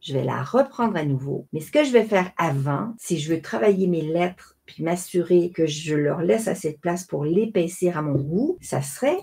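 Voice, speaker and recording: A woman, explaining a design software tutorial step by step in a chatty way. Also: lowish voice, lively intonation, moderate pace, vocal fry, few pauses, slightly rough. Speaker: craft software tutorial host. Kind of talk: screen-recorded tutorial narration.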